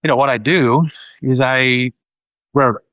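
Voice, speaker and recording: A man's voice: medium pitch, steady tone, measured pace, no echo, highs cut off. New man, dry close sound. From New Zealand. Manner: loose, searching delivery with many ums. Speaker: documentary filmmaker and guest. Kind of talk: casual interview conversation.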